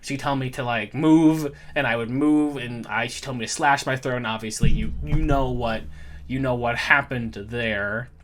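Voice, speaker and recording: A man's voice: mid-range voice, steady tone, normal speed, music in the background, pitched below the performer's own voice, close to an everyday voice. A man voicing a timid young woman accountant who stammers and apologizes as a witness in a tabletop game. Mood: nervous.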